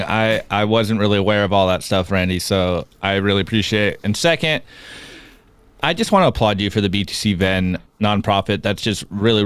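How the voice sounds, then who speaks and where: A man's voice: on the low side, a bit bright, clear, resonant tone, no echo. A man co-hosting a podcast, upbeat and jokey in casual chat. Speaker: podcast co-host.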